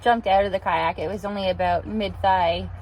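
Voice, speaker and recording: A woman's voice: mid-range voice, fairly even intonation, normal speed, darkish tone, a little hiss or hum, poor audio. A woman co-hosting a kayaking vlog, speaking earnestly and from the heart in casual chat.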